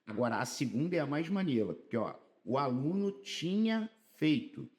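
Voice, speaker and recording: A Brazilian man walks through exam answers as a Portuguese teacher in a casual video lesson. His pitch swoops up and down as he drags out words for emphasis. He talks in a loose, chatty way. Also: moderate pace. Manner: animated, lively pitch swings, colloquial asides and stretched emphasis.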